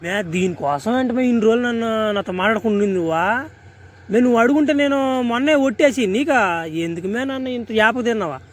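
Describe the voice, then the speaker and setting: A man doing a squeaky, rushed village fisherman. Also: expressive. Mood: coaxing. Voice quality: high, squeaky cartoon man's voice. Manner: rapid, pleading and coaxing. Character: young village fisherman, hurried and fond. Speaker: fan cartoon voice actor. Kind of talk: comic cartoon spoof dubbing.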